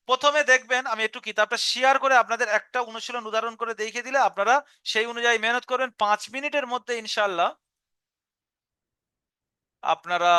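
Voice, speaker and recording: Male teacher on a live stream, patient instructor, smooth clear tone, dry close mic. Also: very high voice, bright, forceful tone, no room sound. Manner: patient, step-by-step explaining, repeats syllables aloud. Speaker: Quran reading teacher. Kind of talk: live online class instruction.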